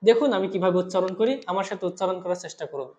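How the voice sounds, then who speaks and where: A patient teacher explaining Arabic letter pronunciation step by step, drawing each sound out slowly and asking listeners to repeat. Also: medium pitch, darkish tone, echoey room, highs cut off. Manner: slow, drawn-out demonstrations of each letter sound. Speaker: Quran recitation teacher.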